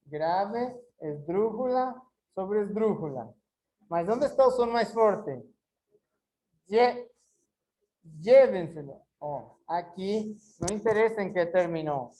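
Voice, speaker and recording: In poor audio, a Spanish teacher with a warm, mid-range voice leads an online class. She explains things patiently and draws out words one syllable at a time.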